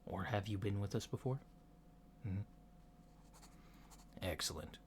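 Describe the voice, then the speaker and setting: Over clearly audible noise in a lo-fi recording, a man lightly acts out a courteous, human-looking alien doctor for an ASMR checkup. The voice is soft and fairly low, calm and reassuring, moving very slowly through methodical questions with hesitant pauses.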